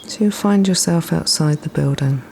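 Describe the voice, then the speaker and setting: Soft breathy woman doing guided relaxation, really mellow and soothing, bit of background noise. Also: low voice. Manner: soothing, gently instructing, unhurried pauses. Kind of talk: guided meditation narration.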